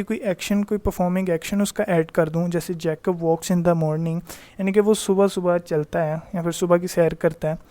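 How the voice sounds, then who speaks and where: A man teaching a grammar lesson in a voice-over, explaining in Hindi mixed with English terms, reading the English examples slowly and answering his own questions in a chatty way. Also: sits high, darkish tone. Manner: reads English example sentences slowly and deliberately.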